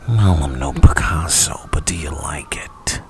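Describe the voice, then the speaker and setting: A man playing a menacing, unhinged criminal clown villain in an ASMR roleplay, whispering with a breathy, creaky rasp in a theatrical, coaxing, taunting manner. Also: extremely low pitch, lively intonation, measured pace, faint music behind, heavily acted. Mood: gleeful, sinister. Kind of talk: ASMR roleplay, dramatic monologue.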